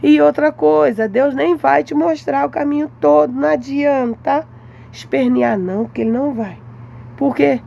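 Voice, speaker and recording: A Brazilian woman giving a devotional testimony to viewers, telling a lively story and acting out her mother's lines. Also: high-pitched, normal speed, vocal fry, highs cut off. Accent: Brazilian Portuguese.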